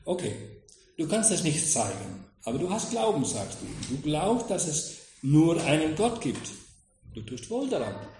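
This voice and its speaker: A male preacher expounding scripture in a lively, questioning way, his pitch swinging widely and sitting a bit high. He talks directly to his listeners. The recording is roomy and echoey, with a faint background hiss. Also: measured pace. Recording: echoey room with faint noise.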